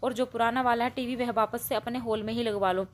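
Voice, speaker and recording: A woman's voice: a little high, fairly even intonation, a little fast, close to an everyday voice. A woman voicing a spoiled, haughty young bride who complains and scolds in a bossy way. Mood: angry.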